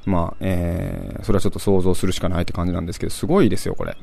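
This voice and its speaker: A host with a Kansai accent runs a casual radio segment, chatting his way through event listings with plenty of filler pauses and little asides to himself. His deep, mellow voice is creaky and swings widely in pitch.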